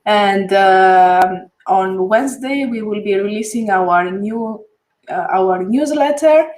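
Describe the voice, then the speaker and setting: A woman's voice: mid-range voice, slow pace, a little mellow. A woman co-host reads out the weekly announcements on a live stream. She is a little hesitant and uses small fillers between items. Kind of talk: reading out announcements.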